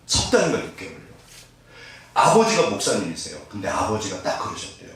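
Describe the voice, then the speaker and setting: Animated pastor preaching in an echoing sanctuary. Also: male voice, fairly low pitch, a little fast. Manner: humorous, self-deprecating, animated with laughter. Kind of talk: sermon. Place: church sanctuary. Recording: roomy echo, voice from a distance.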